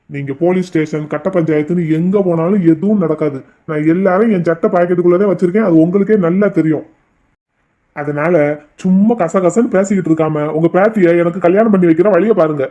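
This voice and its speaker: A man's voice: sits high, dark tone, lightly acted. An actor voicing a powerful, smug elderly man who menaces a family in a cartoon, boastful and coaxing. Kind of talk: cartoon voice acting. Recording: dull, lo-fi sound.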